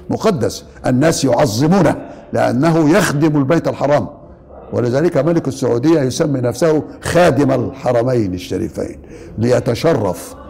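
A man teaching in a lecture, his voice a little high and gravelly. He explains patiently and says key words twice to drive them home. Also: a little mellow, in a large hall. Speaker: teacher of Arabic language.

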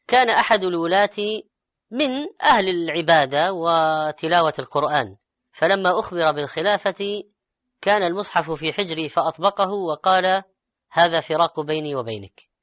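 A man preaching in formal standard Arabic, with an eloquent, measured and rhetorical sermon delivery. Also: high voice, a bit bright, dry recording, lo-fi sound. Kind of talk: formal religious sermon with recitation of scripture and verse.

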